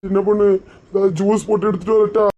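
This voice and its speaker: A man with a Kanyakumari Tamil accent playing a soft-spoken young man who fawns and pleads. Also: sits high, flat delivery, fast. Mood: coaxing. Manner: coaxing, pleading.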